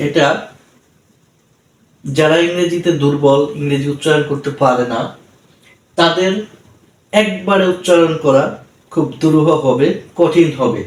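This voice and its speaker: A man's voice: on the high side, reverberant. Male tutor with a Bengali accent drilling words syllable by syllable, slightly distant from the mic. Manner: slow, syllable-by-syllable spelling and drilling. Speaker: English tutor. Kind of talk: pronunciation lesson.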